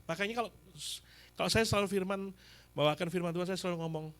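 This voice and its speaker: A man's voice: sits high, fast. A middle-aged man, giving an emotional testimony as an evangelist preacher in a church service and addressing the congregation directly. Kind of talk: testimony sermon.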